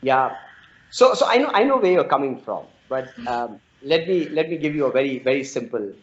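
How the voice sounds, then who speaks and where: Interviewed on dull, lo-fi audio, a storytelling non-profit founder in his forties answers with anecdotes in an Indian accent, frequently repeating words as he explains. He speaks at normal speed in a mid-range voice with big pitch swings.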